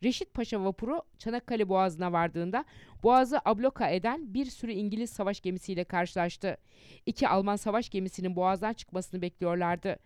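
A woman reading a historical account aloud as an audiobook narrator, in a measured storytelling manner that rises in emphasis for quoted speeches. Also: medium pitch, darkish tone, clean tone, no echo, clean studio sound.

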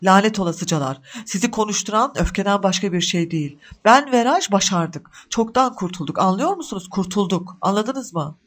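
A man's voice: high voice, lively intonation, brisk. A man voicing a desperate, fiercely protective young mother in a storybook reading, speaking urgently. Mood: defiant.

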